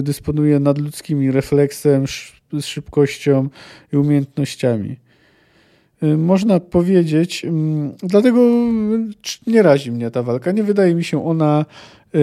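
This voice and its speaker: A man's voice: a little high, mellow. Hesitant man discussing a book. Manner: hesitant, with frequent filler sounds. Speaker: podcast host discussing a novel.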